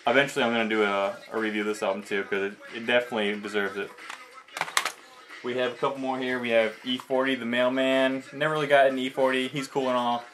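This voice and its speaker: Showing off a collection on camera, this young male host chats fast in a mid-range voice with little pitch movement. His casual, excited vlog talk is slangy and sprinkled with swearing, and the amateur recording has background noise.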